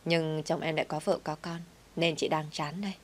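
A woman's voice: low-pitched, fairly even intonation, a little fast, slight background noise, lightly acted. A woman reading the part of a well-off woman who talks in a blunt, teasing, matter-of-fact way.

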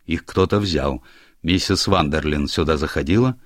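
A man's voice: extremely low pitch, normal speed, no echo, studio quality. A man voicing a stern older male minister who speaks curtly and with authority, in an audiobook. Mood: irritated. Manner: curt, commanding, irritable. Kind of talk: audiobook character voice.

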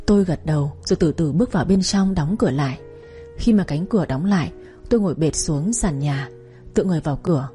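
Woman storyteller, husky low voice, mellow tone, measured first-person narration.

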